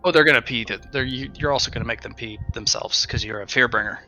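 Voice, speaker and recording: A man's voice: mid-range voice, quick pace, bright, forceful tone. A man running a tabletop game as game master, setting rules in a playful, teasing way. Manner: playful, teasing rule-setter.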